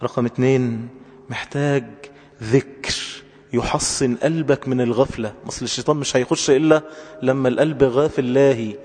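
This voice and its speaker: A man preaching a sermon with an Egyptian accent, talking emphatically and rising to high exclamations. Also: steady tone, brisk, a little mellow, big-room sound. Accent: Egyptian Arabic.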